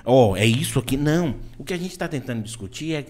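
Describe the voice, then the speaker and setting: A man with a Brazilian Portuguese accent shares his opinions casually, talking fast in a mid-range voice. He is emphatic and animated, and often starts his sentences over.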